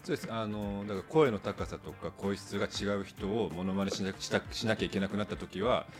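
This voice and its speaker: A man's voice: on the low side, quick pace, faint music behind. A man co-hosting a casual podcast chat, agreeing often with fillers and laughing easily. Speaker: podcast co-host. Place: rental room, recorded in person.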